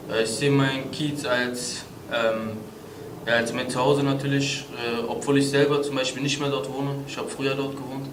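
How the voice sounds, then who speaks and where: Measured twenty-two-year-old man. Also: mid-range voice, level tone. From Berlin, Germany. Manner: measured, with "äh" and "ähm" fillers. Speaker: local youth council member. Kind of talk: casual interview answers. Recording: roomy, distant mic, faint noise.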